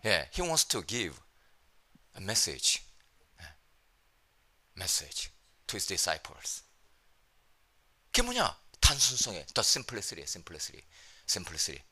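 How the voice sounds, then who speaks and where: A man delivers a sermon in a church with a bright, forceful tone. His pitch swings widely as he talks, playful and animated. He keeps checking in with the congregation and slips English phrases into his speech. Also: drawn-out words, long pauses, husky, no echo. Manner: lively, playful, mixes in English phrases, frequent "예?" prompts to the congregation. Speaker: missionary preacher. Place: church sanctuary.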